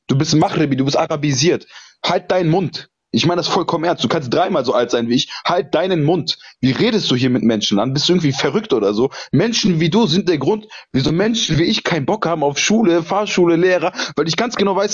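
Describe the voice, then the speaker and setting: Husky young man scolding indignantly. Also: on the high side, expressive, fast, muffled recording. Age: young adult. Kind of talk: heated live-stream debate.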